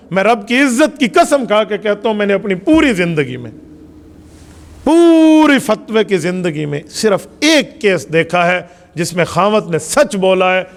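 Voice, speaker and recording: A man with a Pakistani Urdu accent delivering a Friday sermon as a mufti in a mosque, emphatic and full of rhetorical questions to the congregation. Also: sits high. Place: mosque hall. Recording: long reverb of a mosque hall.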